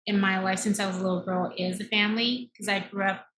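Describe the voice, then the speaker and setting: Talking fast with little pitch movement in a mid-range voice, a mindset coach appears as a podcast guest and shares her personal story earnestly and emphatically, tossing in tags like "right?". She is thirty-nine, American-born and Taiwan-raised, and a crowd can be heard behind her.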